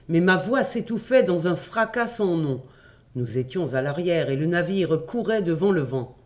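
A man reading a classic adventure novel aloud, in measured, expressive storytelling. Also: fairly high pitch. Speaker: audiobook reader.

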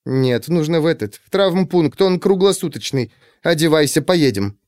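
A man's voice: on the high side, lively intonation, moderate pace, a little mellow, no echo, clean studio sound, voice pushed up, natural voice. A man voicing an anxious, demanding middle-aged wife who worries and scolds. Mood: worried.

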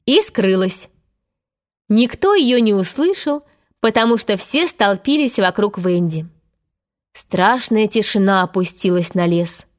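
A woman's voice: medium pitch, unhurried. Woman reading a storybook aloud. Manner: expressive, steady narration.

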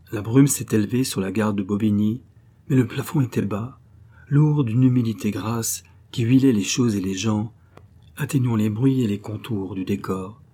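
A man narrating an audiobook in a measured, grave storytelling manner. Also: fairly low pitch, mellow, slightly rough. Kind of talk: scripted narration.

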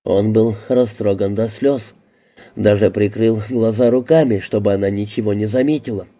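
A man with a fairly low voice reads an audiobook, narrating a script in a measured, even storytelling style.

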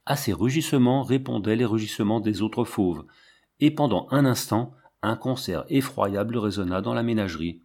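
Male audiobook narrator, lowish voice, measured and dramatic. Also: a little mellow.

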